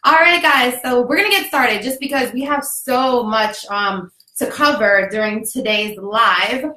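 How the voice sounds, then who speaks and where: A woman's voice: on the high side, unhurried, pushed and bright. A young woman from Jamaica hosting a casual livestream, upbeat and chatty, laughing often. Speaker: host. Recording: echoey room.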